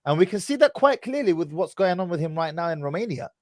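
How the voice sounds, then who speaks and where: A man hosting a livestream presses a caller with blunt questions, pushing back and interrupting often. His voice sits high with a darkish tone, and he is very animated and talks fast. The recording is dry and of studio quality.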